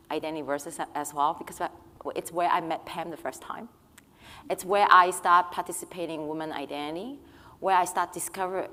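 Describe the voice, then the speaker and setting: Hoarse low-voiced woman in a hall. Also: fairly bright tone. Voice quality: husky, strained. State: hoarse, lost her voice. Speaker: panel speaker. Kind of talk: conference panel talk. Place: conference luncheon hall. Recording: reverberant hall, faint room noise.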